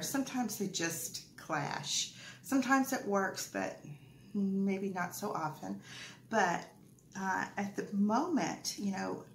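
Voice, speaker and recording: A woman's voice: lowish voice, reverberant, slight background noise. A woman giving a chatty, rambling tarot reading, full of fillers and asides. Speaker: tarot reader. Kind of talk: casual tarot reading to camera.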